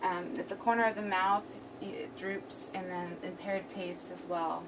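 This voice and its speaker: A woman's voice: lowish voice, fairly even intonation, a little slow. A young adult woman giving a prepared student presentation to a class, her speech slightly numb and impaired on one side of the mouth. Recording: distant mic, clearly noisy room recording.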